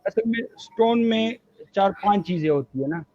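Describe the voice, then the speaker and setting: A man's voice: high-pitched, expressive, moderate pace, warm tone, no room sound, lo-fi sound. A man with a Pakistani Urdu accent, a gemstone dealer explaining stones in casual chat, hesitant, with many fillers and restarts, on a live video call.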